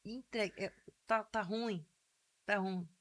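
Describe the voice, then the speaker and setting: A woman in her sixties with a Carioca accent, a guest on an interview podcast, telling stories in an animated way and often restarting her sentences. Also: mid-range voice, takes it slowly. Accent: Carioca Portuguese. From Brazil (Rio de Janeiro). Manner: animated storyteller, frequent self-restarts. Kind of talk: casual conversational interview.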